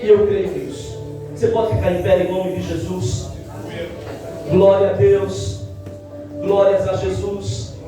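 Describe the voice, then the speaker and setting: A man's voice: sits high, little pitch movement. Man, pastor, testimony sermon, distant mic in echoey church, music behind. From Ceará, Brazil. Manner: testimony preaching, acts out dialogue, dramatic slowdowns.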